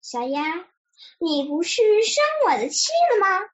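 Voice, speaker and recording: A woman voicing a cheerful little bear cub in a children's story, eager and excited. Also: extremely high pitch, unhurried, highs cut off.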